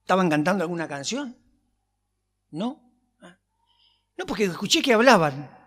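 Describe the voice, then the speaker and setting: A preacher playing a gently teasing male teacher. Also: sits high, big pitch swings, normal speed, exaggerated voice. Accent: Rioplatense Spanish. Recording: long church reverb.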